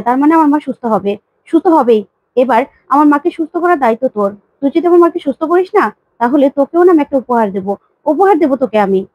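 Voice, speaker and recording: A woman's voice: high-pitched, dry recording, highs cut off. A woman voicing an emphatic young woman who coaxes and repeats herself. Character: pleading, commanding young woman Durga.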